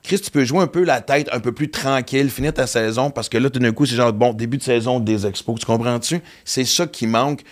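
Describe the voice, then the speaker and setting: A man's voice: medium pitch, brisk, few pauses. A man with a Quebec French accent, hosting a podcast in casual chat, rambling and repeating himself with a lot of slang. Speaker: podcast host.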